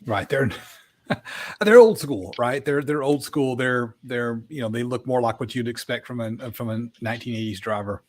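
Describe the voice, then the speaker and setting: A man's voice: mid-range voice, steady tone, moderate pace. A middle-aged man co-hosting over a video call, talking in an easygoing, chatty way with some stumbling restarts. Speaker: co-host. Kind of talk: casual chat about audio gear.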